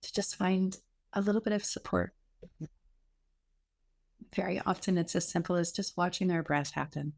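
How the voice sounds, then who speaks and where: A woman guides a meditation session, speaking slowly and reassuringly with gentle instructions and pauses. Her voice is on the low side and has a creaky quality.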